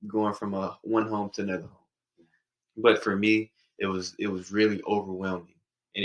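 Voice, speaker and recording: A man's voice: lowish voice, a bit bright. A man hosting a college podcast, chatty and enthusiastic as he introduces a guest and shares his own experience. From St. Louis, USA. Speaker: podcast host. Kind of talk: podcast interview.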